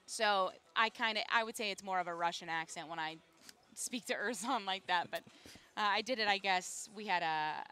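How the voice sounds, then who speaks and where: A young woman chats courtside in a bright, clear voice, animated and quick to laugh. She talks like a sports reporter among colleagues, easy and informal. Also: mid-range voice. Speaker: sideline reporter. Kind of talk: casual chat. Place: arena courtside.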